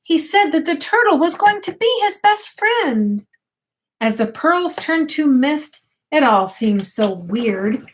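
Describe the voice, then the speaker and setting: Reading a rhyming picture book to young children at bedtime, an older woman speaks slowly in a high, very animated voice. She is their grandmother and talks straight to them, expressive and unhurried.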